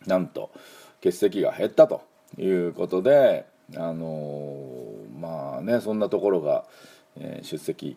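A middle-aged English teacher and show host gives a casual spoken English lesson in a low, husky, mellow voice whose pitch swings widely. Relaxed and chatty, he fills his talk with fillers and asides while guiding listeners through repeat-after-me pronunciation drills.

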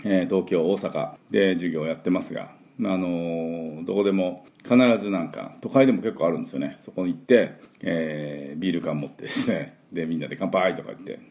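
A man teaching English pronunciation in a spoken lesson, demonstrating sounds and drilling words slowly for the listener to repeat. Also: sits low, darkish tone.

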